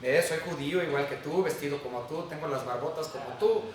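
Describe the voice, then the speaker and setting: A man's voice: fairly high pitch, fairly quick, very echoey, far from the mic, slight background noise, natural voice. A man acting out a nervous bearded man who insists he is one of them, pleading his innocence. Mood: protesting.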